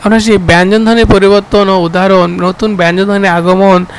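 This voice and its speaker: High-voiced Bangladeshi man teaching grammar. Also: little pitch movement, a little fast, smooth, low-quality recording. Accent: Bangladeshi Bengali. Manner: repeats terms and asks himself questions, with fillers. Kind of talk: exam-prep grammar lesson.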